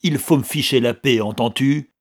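A man voicing a brutish, hard-drinking male card player, gruff and blunt. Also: medium pitch, takes it slowly. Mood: angry. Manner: gruff and blunt, loud when crossed.

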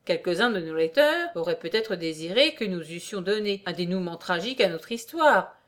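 A woman reading an old-fashioned story aloud in a measured, formal way. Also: fairly low pitch, expressive. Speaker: reader.

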